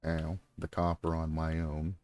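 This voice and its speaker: Deep-voiced man streaming a game. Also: monotone, unhurried, darkish tone. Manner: talks to himself and chat, sarcastic asides. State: clears throat often. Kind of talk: casual gameplay commentary.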